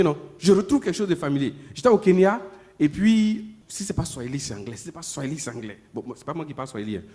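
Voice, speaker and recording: A man preaches a sermon in a slightly high voice. He talks to the congregation in a chatty way and repeats his points often. His delivery swings from loud, emphatic peaks down to low, murmured asides. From Ivory Coast. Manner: conversational, with many repetitions and asides to the congregation.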